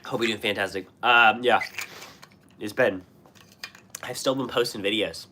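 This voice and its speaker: A young man from Washington State with a US West Coast accent is hosting a livestream and casually answering viewers, though he's sick, coughing and clearing his throat. His voice is lowish, steady and measured, with a bright, forceful tone. He rambles with fillers and restarts, and a little hiss or hum sits under the audio.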